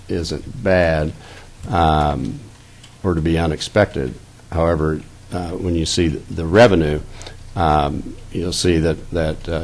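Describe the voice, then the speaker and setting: A man in his fifties presenting a school budget at a public board meeting, seated at a dais and speaking into a desk microphone, halting and repeating words as he reads out figures. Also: sits low, darkish tone. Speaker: school district finance officer.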